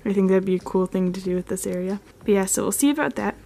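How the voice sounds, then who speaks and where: Her voice sits at medium pitch, quick and dark-toned with vocal fry. She runs a model horse channel and chats through a casual walkthrough of a carpeted room, camera held close in hand, leaning heavily on "like" and "um."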